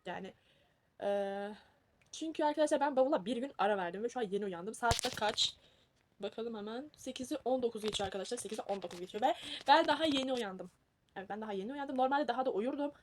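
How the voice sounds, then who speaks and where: A woman's voice: on the high side, fast, background noise. A young woman, rambling and teasing herself as she films a casual packing vlog. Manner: chatty, rambling, self-mocking. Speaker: vlogger.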